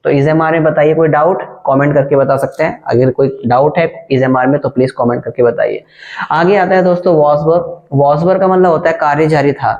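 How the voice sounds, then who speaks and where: Male English tutor, fairly high voice, slow repeated drills, muffled lo-fi recording. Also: darkish tone. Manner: slow, drilled English example sentences between explanations. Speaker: English teacher. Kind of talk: spoken English lesson. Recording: dull lo-fi sound.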